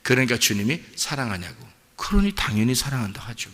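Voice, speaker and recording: A man preaching an expository sermon as a pastor, animated and acting out the people in his story. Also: mid-range voice, fairly quick, in a large hall. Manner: animated, acts out voices and cries. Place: church sanctuary.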